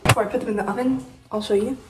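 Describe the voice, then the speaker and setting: A woman's voice: on the high side, fairly even intonation, very fast, far from the mic. Rambling teen vlogger filmed from across a home kitchen on a phone, music playing under her. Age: teens. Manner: chatty, self-mocking, rambling. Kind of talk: casual baking vlog. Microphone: phone camera at a distance. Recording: roomy kitchen, off-mic, music.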